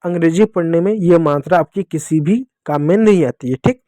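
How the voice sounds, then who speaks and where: A man's voice: fairly high pitch, fairly quick, mellow, no room sound. A man teaching children English phonics, speaking to them directly and answering his own questions as he writes words out. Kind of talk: classroom lesson explaining phonics.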